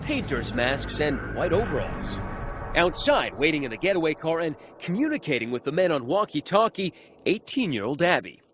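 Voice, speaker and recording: A man narrates a true-crime newsmagazine segment with punchy, suspenseful delivery. His pitch sits a little high and swings widely across each line. Dramatic music plays clearly underneath him. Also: very animated, moderate pace.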